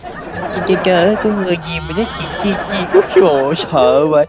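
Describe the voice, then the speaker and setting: A man talks quickly in casual gaming banter, teasing and exasperated. He laughs often. Loud game music sits behind his voice. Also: on the high side, over a noisy crowd. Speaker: gaming partner.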